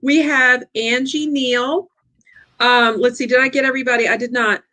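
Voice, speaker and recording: A woman hosting a lively coaching livestream, chatty and excitable, talking straight to her audience. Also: fairly high pitch, moderate pace.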